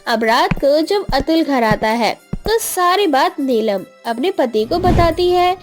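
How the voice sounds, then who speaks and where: A woman narrating a cartoon story with an expressive, storybook delivery. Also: sits high, slow, faint music behind.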